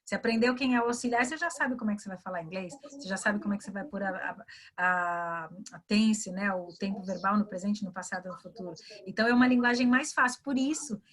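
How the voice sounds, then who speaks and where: A woman's voice: medium pitch, quick pace. A woman from Brazil, a mentor explaining language learning in a webinar over a video call, acting out dialogue and tagging lines with "né?". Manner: lively, acts out dialogue, frequent "né?". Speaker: guest, career and English mentor.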